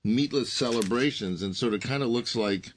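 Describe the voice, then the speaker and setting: A man's voice: mid-range voice, normal speed, slight background noise. A man co-hosting a food talk show, introducing guests and cracking wry jokes. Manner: joking, wry. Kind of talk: casual radio chat.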